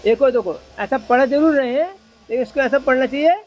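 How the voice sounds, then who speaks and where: A woman teaching a chant line by line, slowly correcting each syllable's pronunciation. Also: high-pitched. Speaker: religious teacher. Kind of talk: line-by-line recitation lesson. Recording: dull lo-fi recording.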